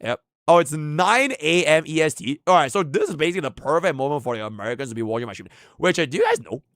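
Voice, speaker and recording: Chatting casually with viewers on his livestream, this man from Singapore talks at a quick pace, slangy and excitable, alternating hyped bursts with quiet mumbling. The audio is dry and of studio quality.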